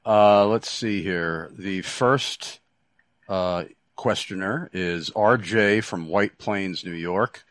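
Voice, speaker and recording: Low-voiced radio host. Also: male voice, takes it slowly, no room sound. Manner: relaxed, chuckles often, hesitant fillers. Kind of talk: radio interview hosting.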